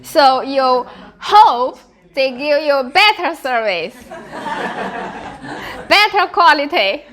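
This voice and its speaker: Woman, Chinese accent, bright forceful voice, slow measured teaching, choppy simple English, frequent check-ins. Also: sits high, expressive. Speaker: language teacher. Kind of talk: classroom Chinese lesson with repeated example words.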